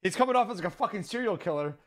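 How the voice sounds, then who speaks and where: A young man reacting to videos as a streamer, casual, profane, incredulous and quick to laugh. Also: high-pitched, expressive. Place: indoor room, seen on webcam.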